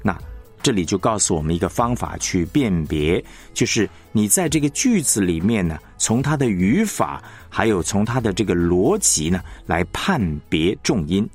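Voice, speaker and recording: Patient low-voiced male announcing teacher. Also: very animated, darkish tone, breathy edge, faint music behind. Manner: explains patiently, repeats points, reads example sentences slowly with stress. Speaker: broadcasting instructor. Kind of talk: radio lesson on announcing technique.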